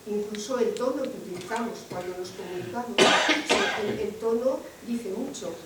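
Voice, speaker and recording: A woman from Aragón, explaining language ideas in a didactic, expressive way during a seminar. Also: mid-range voice, normal speed, distant mic, heavy background noise. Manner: didactic, expressive, with frequent filler sounds. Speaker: seminar speaker. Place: seminar room. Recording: echoey hall, voice picked up from afar.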